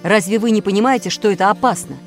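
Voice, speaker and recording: A woman's voice: fairly low pitch, lively intonation, moderate pace, soft background music, close to an everyday voice. A woman voicing a stern older male professor who scolds the children in a storybook reading. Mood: scolding.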